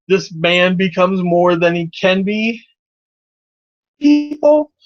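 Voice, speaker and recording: High-voiced man in casual film chat. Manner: rambling, hesitant, laughs often. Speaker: podcast host. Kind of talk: casual movie review chat. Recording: dull lo-fi recording.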